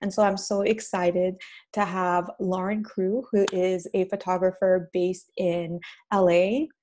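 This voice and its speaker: A woman hosting and moderating an online panel discussion over a video call, speaking haltingly with frequent ums. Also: lowish voice, level tone, slight background noise. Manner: warm, halting with many ums. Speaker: guest host and moderator. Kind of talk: webinar panel introduction.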